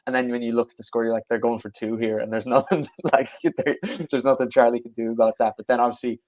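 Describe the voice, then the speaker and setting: A young man with a west of Ireland accent talks very quickly in casual podcast chat. His middling voice stays quite flat in pitch as he rambles along. The recording is slightly dull and lo-fi. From west of Ireland, Galway. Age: young adult. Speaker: podcast guest, young football pundit.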